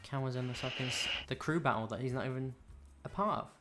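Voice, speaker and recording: A man's voice: medium pitch, quick pace, fairly bright tone, soft background music. A man, co-commentating casually, blunt and distracted, swearing often. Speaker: tournament organizer and co-commentator. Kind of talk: casual commentary and stream chat.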